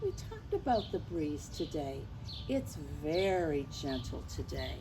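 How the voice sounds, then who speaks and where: A woman in her 60s or older reads a picture book aloud to young children, taking her time over each unhurried phrase. Her pitch swings in a lively, expressive way, and she often turns to the kids with gentle asides and questions. Noticeable ambient noise sits behind her voice.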